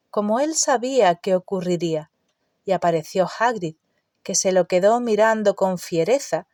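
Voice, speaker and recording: A woman narrating an audiobook in a measured, expressive storytelling way. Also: medium pitch, dry recording, clean studio sound.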